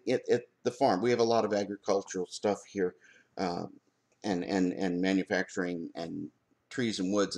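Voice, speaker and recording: A man with a voice of ordinary pitch delivers a heated opinion vlog as a concerned parent. He argues point by point, pressing his listener with rhetorical questions and blunt one-word answers. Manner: emphatic, argumentative, fires rhetorical questions. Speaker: parent commenting on school board policy.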